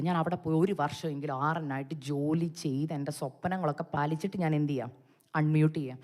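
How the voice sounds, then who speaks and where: A young Malayali woman preacher giving a testimony sermon, telling her story with animated storytelling and acting out the dialogue. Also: mid-range voice. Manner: animated storytelling, acts out her own cries and the Lord's words.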